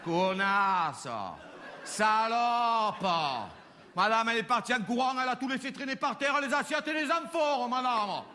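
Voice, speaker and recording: A man putting on a shrill, furious woman shouting insults. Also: quick pace, hardly any pauses, in a large hall, full character voice. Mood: shrieking. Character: shrieking furious woman neighbor.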